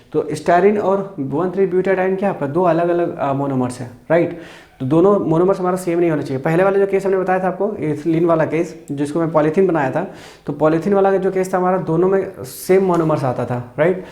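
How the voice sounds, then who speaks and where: A man from India lectures on chemistry in a recorded class, with a somewhat high but mellow voice. He works through each step, asks his own questions and answers them. The sound is roomy and echoey. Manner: slows down and spells out formulas while writing. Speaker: chemistry teacher.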